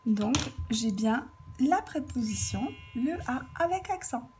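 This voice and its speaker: A woman teaching a grammar lesson, explaining slowly and carefully while she writes out examples. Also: a little high, lively intonation, music in the background. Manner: slow, careful dictation, writing while talking.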